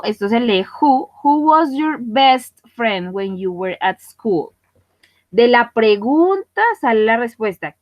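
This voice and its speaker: A woman's voice: a little high, no room sound. A woman teaching English grammar in an online class, speaking patiently and often checking that her students follow. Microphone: computer mic for online class. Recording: muffled lo-fi dry audio.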